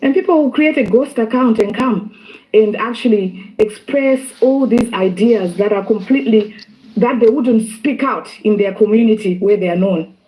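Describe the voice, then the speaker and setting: A woman's voice: fairly high pitch, normal speed, warm tone, rough recording. A woman from Zimbabwe speaking as a guest in a discussion, thoughtful and hesitant, with many fillers and restarts. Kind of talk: casual discussion.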